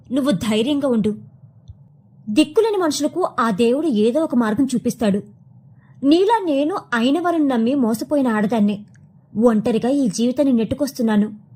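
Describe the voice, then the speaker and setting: A woman voicing a kindly older woman, a nurse who talks in a gentle, reassuring way. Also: high voice, husky.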